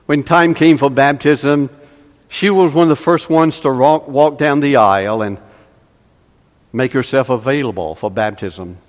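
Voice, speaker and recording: A man preaching in a church, telling a story at an unhurried pace with long, deliberate pauses. His mid-range voice rings out through the long reverb of the sanctuary. He leans on repetition and builds to an earnest appeal. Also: mid-range voice. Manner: slow, measured preaching with dramatic pauses. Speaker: pastor. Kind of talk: sermon storytelling.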